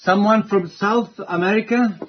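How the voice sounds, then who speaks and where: A man's voice: sits high, steady tone, highs cut off, slight background noise. A man giving an online introductory university lecture, hesitant and full of fillers. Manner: slow, hesitant, many fillers.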